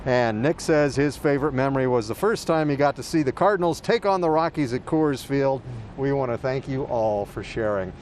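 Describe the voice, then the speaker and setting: A man's voice: medium pitch, lively intonation, moderate pace, darkish tone, a little hiss or hum. A man co-anchoring a morning news show, sharing memories in friendly, anecdotal studio chat.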